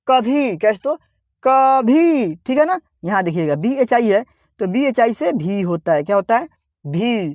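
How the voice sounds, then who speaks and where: A man with a very high-pitched voice teaches an online reading lesson slowly, spelling out each word, repeating it and asking viewers to say it back. There's no echo.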